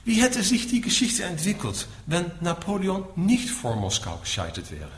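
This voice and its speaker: With huge pitch swings in a high voice at a moderate pace, a middle-aged Dutch man delivers an explanatory Buddhist lecture to listeners. He has a Dutch accent and regularly adds a short questioning word to his points. Faint noise can be heard in the echoey room.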